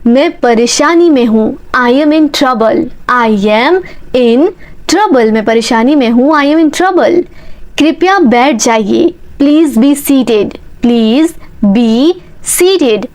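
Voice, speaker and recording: A woman with an Indian accent leads a practice lesson in a high voice. She reads at a very slow, careful pace and splits each sentence into pieces. Her pitch rises on the final word of each line. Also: lively intonation. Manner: reads each English sentence slowly and splits it into parts, rising on the last word; quick chatty asides to viewers. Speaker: English teacher.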